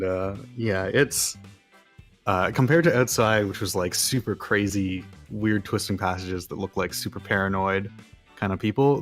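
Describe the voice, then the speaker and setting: A man narrating as dungeon master in a casual tabletop game, describing scenes in a loose way, full of uh and like. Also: on the low side. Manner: loose, filler-heavy narration with frequent uh and like.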